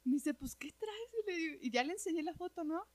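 A woman with an extremely high voice and a Mexican accent rattles off a personal story at rapid-fire speed. The chat is casual, lively and slangy, packed with "güey," and there's no echo.

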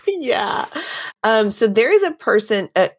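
A woman's voice: a little high, husky. A woman co-hosting a gaming podcast in casual chat, teasing and laughing often. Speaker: podcast co-host.

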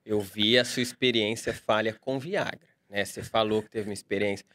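A man's voice: fairly low pitch, fairly even intonation, brisk, fairly bright tone. A man, easygoing and wry, reading viewer messages in casual podcast chat. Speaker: podcast co-host reading superchats.

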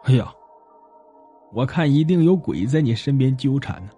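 A man voicing a stern, knowing old Taoist priest who gives grave warnings in a low voice. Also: big pitch swings, moderate pace, warm tone, slightly rough, faint music behind.

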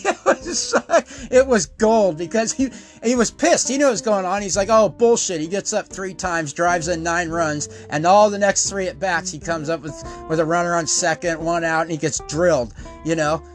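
A middle-aged man tells stories with a voice pitched a little high, cursing freely and breaking into laughter as he goes. Quiet guitar music plays faintly behind him. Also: normal speed. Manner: profane, laughing, animated storytelling. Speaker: podcast host. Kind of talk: casual storytelling.

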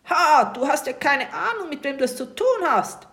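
A woman voicing a vain, grumpy, pot-bellied bearded male sky pirate captain who blusters and shouts in a storybook tale. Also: high voice, expressive, moderate pace, pitched above the performer's own voice. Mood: blustering.

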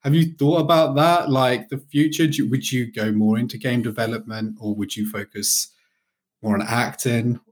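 A man's voice: mid-range voice, fairly even intonation, normal speed. A male interview host who asks questions thoughtfully and builds long comparisons.

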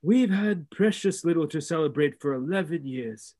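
A man reading a story aloud, putting on a gentle, very old wizard with a raised, slow, kindly voice, set back from the mic. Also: fairly high pitch, lively intonation, voice pushed up, natural voice.

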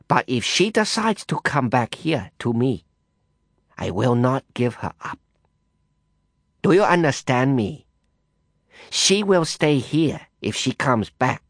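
A man's voice: medium pitch, no room sound, studio quality, pitched above the performer's own voice, full character voice. A man voicing a silky, menacing madam. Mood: silkily threatening. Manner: slow, theatrical, sweetly threatening. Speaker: narrator voicing a character.

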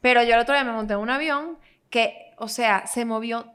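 A woman's voice: fairly high pitch, a little fast, smooth. A woman with a Venezuelan accent co-hosting a live podcast, chatting in a playful, teasing way. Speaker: podcast co-host. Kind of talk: casual live podcast chat. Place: live stage before an audience. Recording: loud background noise.

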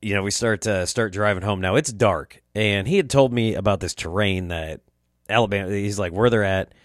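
A young male podcast host from the Quad Cities area of the US Midwest tells a rambling, profane story in a casual monologue at normal speed, his lowish voice affected by a throat sore from allergies. The studio sound is clean, with no echo.

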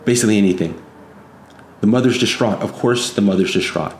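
A low-voiced man gives an off-the-cuff opinion monologue in an echoey room. He is earnest and insistent, moralizing as he warns of threats, and he repeats phrases to drive them home. A faint noise sits behind the voice. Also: brisk.

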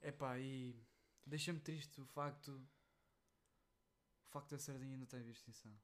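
A young man with a European Portuguese accent, co-hosting a casual podcast chat with deadpan, absurd jokes. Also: mid-range voice, normal speed. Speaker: podcast co-host.

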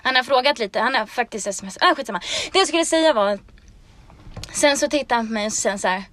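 A woman hosting a podcast, telling a story in casual chat, animated and laughing. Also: a little high, no echo. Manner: animated, laughing, acts out dialogue. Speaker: podcast host.

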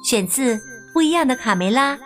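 A woman storyteller gently and expressively reading a picture book aloud to children. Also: high voice, animated, normal speed, faint music behind.

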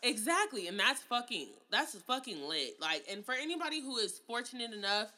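A woman's voice: fairly high pitch, very animated, brisk, pushed and bright. A woman co-hosting a casual podcast chat, talking in a profane, emphatic, ranting way.

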